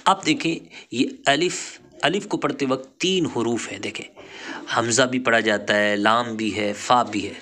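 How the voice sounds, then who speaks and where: A patient male teacher in a recorded online lesson, voice at an ordinary middle pitch. He spells out letter sounds slowly, one at a time, and keeps cheering the learner on to practise. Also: bright, forceful tone. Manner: encouraging, praises the learner. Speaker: Quran reading teacher.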